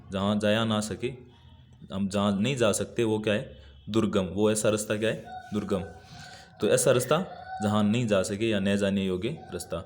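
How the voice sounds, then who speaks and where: A man's voice: on the low side, slight background noise. Patient male teacher repeating words. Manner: patient, repeats each word while writing it. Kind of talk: workbook answer lesson.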